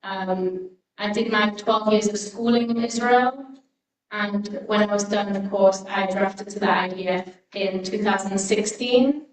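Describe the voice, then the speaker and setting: A woman in her twenties from the United Kingdom, speaking as a guest speaker to a congregation in a relaxed way with frequent "um" fillers. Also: mid-range voice, a little slow. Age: 20s. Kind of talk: personal talk to a congregation. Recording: echoey room, mic at a distance.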